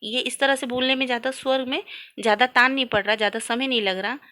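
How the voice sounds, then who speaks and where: In a classroom-style grammar lesson, a woman asks her students questions and then answers them herself, drawing out sounds to demonstrate them. Her voice sits on the high side, with a sharp tone, fairly even intonation and a quick pace.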